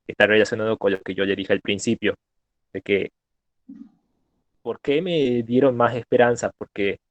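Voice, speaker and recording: A male student speaking up in an online class over a choppy connection that cuts out, hesitant and halting with many fillers and restarts. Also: fairly low pitch, no echo. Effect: choppy online call connection, cutting out. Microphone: video call. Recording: tinny, dry call audio.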